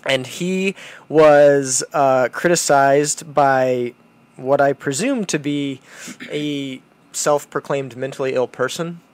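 A man hosting a podcast with casual commentary, halting and rephrasing as he goes. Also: mid-range voice. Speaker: podcast host.

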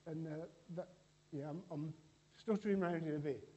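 A man delivers a loose, conversational sermon, joking with the congregation and stumbling through restarts. His voice sits a little high for a man but sounds mellow and warm. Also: moderate pace, lo-fi sound. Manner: chatty and joking, with frequent restarts. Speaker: preacher. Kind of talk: informal church sermon.

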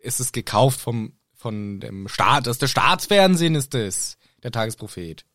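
Chatty man, mid-pitched, dry sound. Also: animated, normal speed, fairly bright tone, no echo. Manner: chatty, quotes characters in acted voices. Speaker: podcast co-host. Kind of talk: casual chat about a book.

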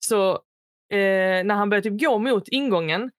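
A woman's voice: medium pitch, no echo. Young woman, chatty podcast storytelling, does the voices, dry close sound. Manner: animated retelling, acts out quotes in raised voice; mixes English phrases into speech. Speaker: podcast co-host. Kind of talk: casual chat, storytelling.

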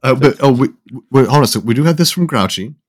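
A man hosting a casual gaming podcast, talking in halting starts and reading listener lists aloud. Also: mid-range voice, animated. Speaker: podcast host.

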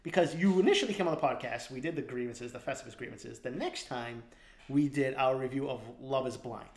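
Man hosting a podcast, chatty and rambling, average pitch, roomy echo. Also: fairly quick, a little mellow. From East Boston. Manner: rambling, laughs often. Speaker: podcast host. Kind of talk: casual podcast chat.

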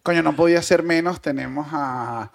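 A man hosting a podcast, introducing guests in a relaxed way with halting fillers. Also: fairly high pitch, creaky. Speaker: podcast host. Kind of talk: casual chat.

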